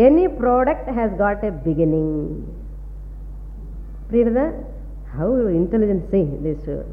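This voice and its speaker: A woman with a South Indian Tamil accent teaching philosophy in a didactic way, repeating key phrases and checking understanding. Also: medium pitch. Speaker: Vedanta teacher. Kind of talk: philosophy lecture mixing two languages. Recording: tinny phone-like sound, long reverb, faint hum.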